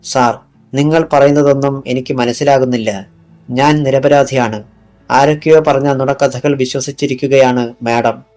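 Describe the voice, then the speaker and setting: A man playing a smooth evasive doctor. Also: medium pitch, steady tone, normal speed, darkish tone, lightly acted. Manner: polite, smooth denials.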